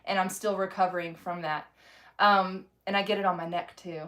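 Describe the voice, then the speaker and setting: A woman's voice: fairly low pitch, little pitch movement, normal speed, a bit bright. A woman, a mother of five chatting candidly in a casual home vlog, rambling and self-deprecating. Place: home kitchen.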